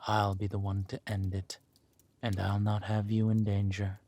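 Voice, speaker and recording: This scripted audio drama features a man in the role of a possessive, menacing warlord villain who is also a protective lover. With a natural, warm-toned voice on the low side and monotone delivery, he speaks in a deliberate, commanding way, at times falling to breathy murmurs, conveying sternness and protectiveness.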